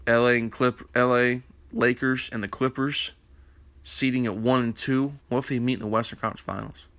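This man hosts a basketball news panel in a medium-pitched, level, fairly bright voice at a moderate pace, recorded dry. He has a congested morning voice from a sinus infection. His casual commentary is opinionated and rambling, heavy with fillers.

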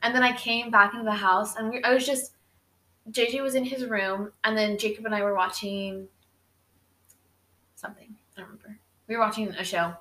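A woman's voice: mid-range voice, steady tone, fairly quick, pauses often, bright, forceful tone. A young adult woman hosting a podcast, telling a story in a casual, chatty way with lots of fillers. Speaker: podcast host. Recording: roomy echo.

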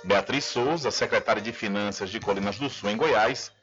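A man's voice: lowish voice, normal speed, fairly bright tone. A man presenting radio news a script. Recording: slightly dull radio audio, music bed. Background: faint music.

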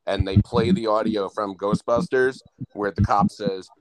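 A man's voice: lowish voice, steady tone, measured pace, a crowd in the background, poor audio. A man co-hosting a podcast, casually sharing trivia and favorite movie lines. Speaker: podcast co-host. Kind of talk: casual chat.

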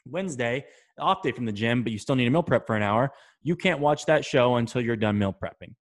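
A man's voice: mid-range voice, expressive, a little fast. Chatty young man giving casual advice. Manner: loose and chatty, peppers lines with "right?" and "okay?", swears casually. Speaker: self-improvement vlogger.

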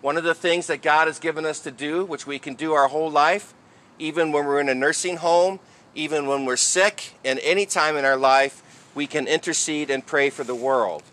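Bright-voiced man preaching as a priest. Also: fairly high pitch, fairly even intonation, normal speed. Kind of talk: sermon and liturgical reading at Mass.

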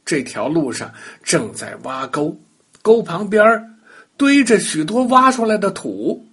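An older man narrating a bedtime story for children, talking lively and speaking directly to the young listeners. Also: sits high, unhurried, slightly rough.

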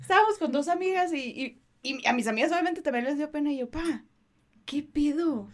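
Woman, very high voice, slangy, casual podcast chat. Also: crowd noise. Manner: slangy, quick reactions.

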